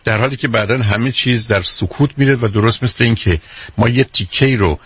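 A man's voice: medium pitch, a bit bright, slightly rough, no echo. A man speaking as a hypnotherapist guest in an interview, explaining his points carefully with worked examples in a lecturing way.

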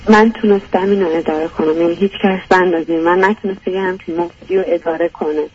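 A woman's voice: on the low side, fairly even intonation, highs cut off, a little hiss or hum. Hesitant young woman calling an advice show. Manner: hesitant, searching for words. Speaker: caller. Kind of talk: call-in advice talk.

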